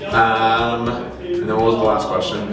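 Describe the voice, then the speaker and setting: A man's voice: lowish voice, completely flat delivery, a little slow. A 23-year-old man, a band's singer, talking hesitantly with many fillers in a casual documentary interview. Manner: hesitant, filler-heavy chat. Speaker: singer in a band. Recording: echoey room, distant mic, music underneath.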